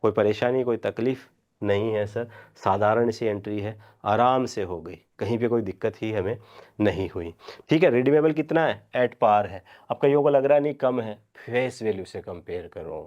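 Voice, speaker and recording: A man's voice: on the low side, a little mellow, highs cut off. Man teaching, answering his own questions. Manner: quizzes students with questions he answers himself; dictates journal entries slowly word by word. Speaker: commerce teacher. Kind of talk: revision lecture.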